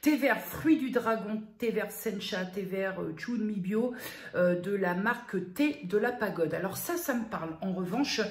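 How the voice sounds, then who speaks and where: A woman vlogger chatting casually as she reads out product labels, often pausing with fillers. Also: medium pitch, expressive, roomy sound. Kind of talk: casual vlog unboxing.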